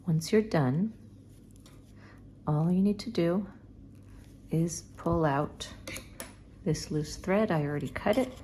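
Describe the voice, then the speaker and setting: Relaxed woman teaching knitting. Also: on the low side, slow pace, long pauses, a little hiss or hum. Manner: relaxed, counts stitches under her breath, chatty asides. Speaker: knitting tutorial host. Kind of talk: casual knitting tutorial, talking while working.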